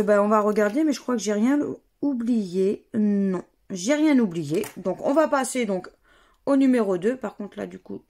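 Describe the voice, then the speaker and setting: A woman's voice: on the high side, a little mellow. A woman, casually commenting as she scratches lottery tickets and spells out letters and words one by one. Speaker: scratch-card vlogger.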